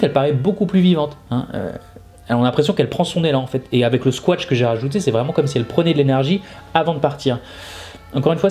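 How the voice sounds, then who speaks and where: An animation teacher and video host with a fairly high, warm voice walks through a lesson in a relaxed, informal way. He tends to tack little tag words onto what he says.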